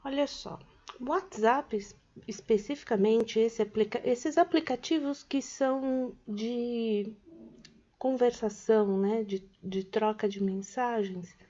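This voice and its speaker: A woman's voice: a little high, slow, warm tone. A woman teacher with a Brazilian Portuguese accent, patiently explaining a lesson to middle schoolers and checking in with the class as she goes. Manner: patient explaining, checks in with "né?", stretches words for emphasis. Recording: dull lo-fi recording.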